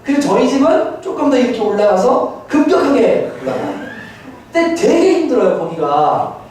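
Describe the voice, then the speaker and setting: A man's voice: extremely high pitch, big pitch swings, moderate pace, darkish tone. A male pastor giving a sermon, telling a personal story in a chatty way and building to fervent preaching. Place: church sanctuary. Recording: very echoey church hall, mic from a distance, faint noise.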